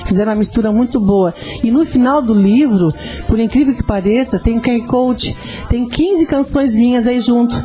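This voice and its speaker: A woman's voice: a little high, normal speed, mellow, faint music behind. A woman with a southern Brazilian gaúcho accent, chatting as a radio interview guest and repeating words as she explains. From Rio Grande do Sul, Brazil.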